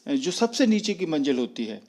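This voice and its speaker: A man from India with a voice pitched a little above the usual, giving an English lesson. He goes slowly and deliberately, spelling words out letter by letter and repeating each example word more than once. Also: sing-song, darkish tone. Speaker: English teacher. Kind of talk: explaining lesson.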